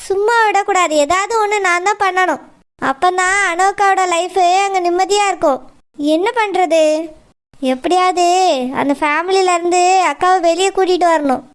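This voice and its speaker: A woman's voice: very high-pitched, steady tone, normal speed. A woman voicing an outspoken young woman in a village cartoon, urging her elder sister in a blunt, insistent, scolding way. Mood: worried.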